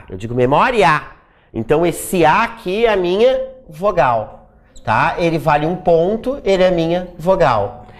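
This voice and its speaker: Lively grammar teacher. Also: mid-range voice. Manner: ends nearly every point with "tá?" or "né?"; stretches out example words slowly to demonstrate sounds. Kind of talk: recorded exam-prep video lesson.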